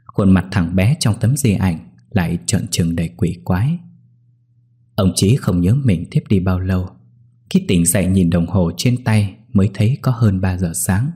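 A man narrating a horror story in a slow, somber, scripted style. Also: sits low, lively intonation, dark tone, breathy edge.

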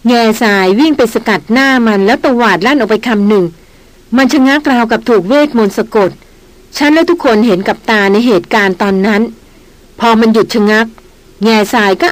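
A woman's voice: fairly high pitch, a little fast, natural voice, low-quality recording. Woman reading as an amazed young man. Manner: amazed, eager retelling. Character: amazed male expedition member.

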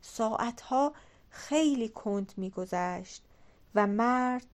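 A woman narrates a folk tale for an audiobook in a measured, dramatic reading. Her voice sits fairly high for a woman. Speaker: audiobook reader. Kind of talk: storytelling narration.

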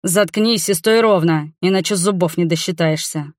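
A woman voicing a stern, protective young male water mage who speaks slowly and low. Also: dry recording, clean studio sound, close to an everyday voice. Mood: threatening. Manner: slow, low and threatening.

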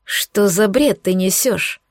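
A furious, domineering young demon lord, put on by a woman reading an audiobook. He speaks in a slow, menacing growl at a middle pitch. The sound is dry and close. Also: dry recording.

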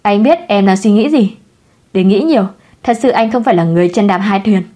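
A woman's voice: mid-range voice, fairly quick, mellow, close to an everyday voice. A woman voicing a carefree, playful young man who teases and mocks himself. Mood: teasing. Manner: breezy, teasing. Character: easygoing playboy man, joking and self-mocking.

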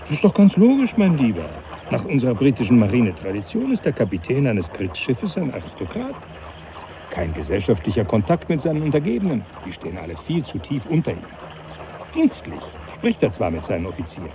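A man acting in a German radio drama as a jovial, teasing older professor, animated and patronising in an avuncular way. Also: mid-range voice, a little fast. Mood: jovial, explaining. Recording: dull radio drama, loud background noise.

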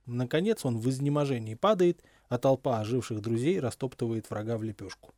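A man narrates a homemade audiobook in an even, measured way. His voice is mellow and dark, and the recording is close and dry. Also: medium pitch, no room sound. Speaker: audiobook reader.

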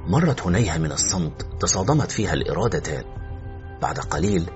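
Deep-voiced man narrating a suspense story. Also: big pitch swings, fast. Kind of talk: dramatic audiobook narration. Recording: muffled with faint music.

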